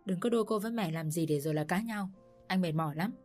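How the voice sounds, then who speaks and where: A woman voicing a tired young husband who tries to calm his mother and wife, in a storybook reading. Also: lowish voice, fast talker, faint music behind, close to an everyday voice. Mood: weary. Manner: tired and placating. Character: weary young husband caught in middle.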